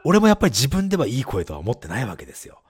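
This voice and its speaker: A man's voice: mid-range voice, wildly swooping pitch, racing, husky. A man co-hosting a casual podcast, reading listener letters, laughing often and explaining English phrases. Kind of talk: casual bilingual chat.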